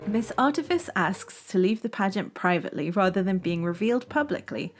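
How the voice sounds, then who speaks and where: A woman's voice: medium pitch, lively intonation, a little fast, faint music behind. A woman hosting a review show, narrating with wry, sarcastic humor. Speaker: host reviewing a TV series.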